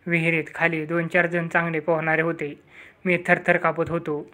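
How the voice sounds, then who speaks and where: A man reading a first-person story aloud in a steady narrating manner. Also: fairly high pitch, moderate pace.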